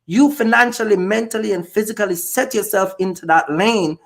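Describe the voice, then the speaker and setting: Hosting his channel's easygoing podcast, a Jamaican-accented man from Jamaica talks a little fast in a high, slightly bright voice. His style is forceful and direct, and he keeps circling back to the same points.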